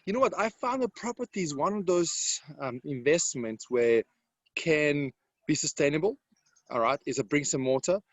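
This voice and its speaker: With a fairly high, expressive voice and a moderate pace, a Serbian man answers interview questions in broken, accented English. He comes across as a confident property mentor with a sales-coach delivery, recorded with no room sound.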